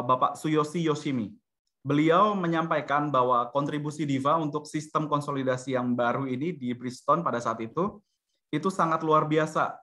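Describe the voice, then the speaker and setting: A man with an Indonesian accent and a bright, forceful, medium-pitched voice presents a software company's product in an online video-conference webinar. His semi-formal corporate presentation is explanatory and mixes in English business terms.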